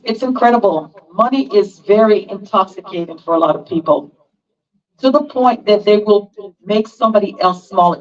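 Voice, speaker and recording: An earnest town hall moderator speaks in measured, reflective terms. The voice comes from a distance, and the sound is dull and lo-fi. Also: medium pitch. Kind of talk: reflective public speech.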